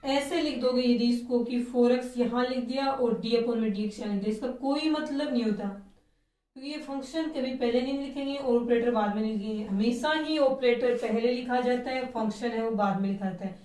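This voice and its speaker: A woman chemistry teacher lectures her class, walking through the material step by step and posing rhetorical questions. Her voice sits on the high side and is warm, and she talks a little fast. The room is echoey and she sounds far from the mic.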